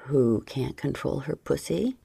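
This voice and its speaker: Stern commanding man, a woman voices him, low gravelly half-whisper, dark tone. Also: expressive, unhurried, no room sound, full character voice.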